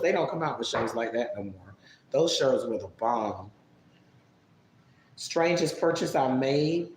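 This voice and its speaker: A man casually answering viewer questions on a live stream, relaxed and chatty, musing aloud as he thinks. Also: mid-range voice. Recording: echoey room with faint background noise.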